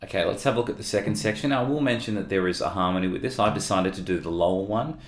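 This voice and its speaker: An Australian man teaching a guitar solo in a relaxed, explanatory way, counting notes aloud. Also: sits low, quick pace. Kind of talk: guitar lesson walkthrough. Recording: roomy sound with loud guitar music.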